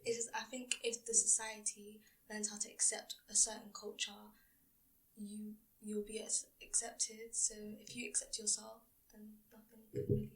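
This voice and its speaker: A woman's voice: mid-range voice, monotone, normal speed, a bit bright, far from the mic, low-quality recording. A teenage female student chatting casually in a school podcast, with frequent "like" fillers. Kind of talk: casual discussion.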